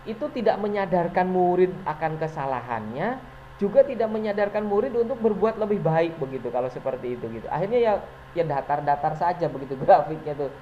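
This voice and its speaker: A male teacher with a fairly high, expressive voice speaks a little fast while giving an informal presentation to fellow teachers. He's chatty and hesitant, peppering his talk with fillers and small chuckles, on a dull lo-fi recording with faint noise.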